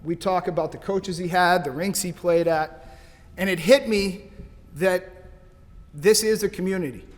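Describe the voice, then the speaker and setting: At a banquet hall podium, a St. Louis man accepts a hall of fame honor, telling stories, giving thanks and joking loosely. He speaks at a moderate pace in a high-pitched voice, and the sound carries hall reverb.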